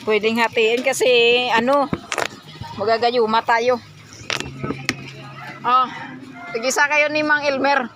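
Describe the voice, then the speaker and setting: A woman's voice: a little high, steady tone, slow, pauses often. A woman vlogging casually while shopping at an outdoor market, chatting and bantering with the vendors. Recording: busy market crowd and traffic noise.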